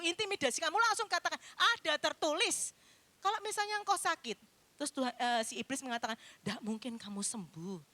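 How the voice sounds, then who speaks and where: A woman's voice: high-pitched, sharp tone. A woman evangelist, preaching a chatty sermon and teasing members of the congregation by name.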